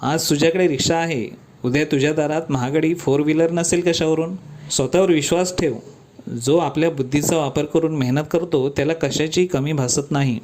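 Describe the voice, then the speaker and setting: A bright, teasing young woman in love, as a male storyteller puts her on in a raised voice. She sounds pampered and cheerful and talks with affection. Her voice sits a bit high and carries strongly. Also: fairly even intonation, fairly quick, a little hiss or hum, natural voice. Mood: playful, affectionate.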